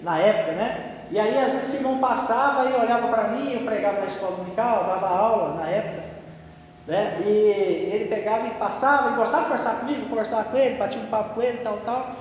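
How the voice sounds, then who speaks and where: In an echoey hall, a pastor delivers a chatty sermon at a quick pace, regularly tacking a questioning "né" onto his sentences. His voice sits high, and there is slight background noise.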